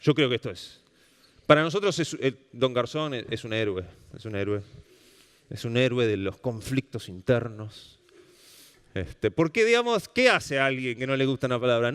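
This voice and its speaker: A man with an Argentine Rioplatense accent giving a public lecture, animated and often checking in with the audience. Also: medium pitch, normal speed, clean tone. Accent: Rioplatense Spanish. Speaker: speaker giving a public talk on language. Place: lecture hall at a cultural center. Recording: long reverb of a hall.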